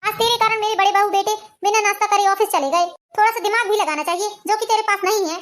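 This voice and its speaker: Squeaky high, domineering cartoon mother-in-law who taunts and scolds, a woman voicing her. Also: steady tone, fast talker, a bit bright. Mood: taunting. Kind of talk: cartoon family drama voice acting.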